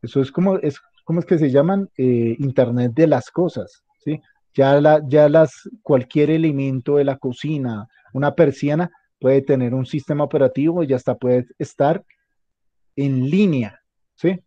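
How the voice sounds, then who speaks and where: A man giving a classroom lecture, halting and restarting often, checking in with the class after many phrases. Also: mid-range voice, dark tone, no echo. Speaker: teacher. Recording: dull, muffled lo-fi audio.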